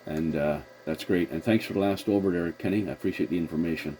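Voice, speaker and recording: Low, fast and warm, this man's voice carries a relaxed CB radio exchange he's hosting. He sticks to radio call procedure but rephrases as he goes. The audio is noisy, and he works as a CB radio operator and video host.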